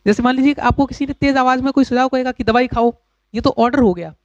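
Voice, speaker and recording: A man teaching English grammar in a lecture, explaining patiently with pauses and repeated examples. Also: very high-pitched, dry recording. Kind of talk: classroom lecture. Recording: dull, dry lo-fi recording.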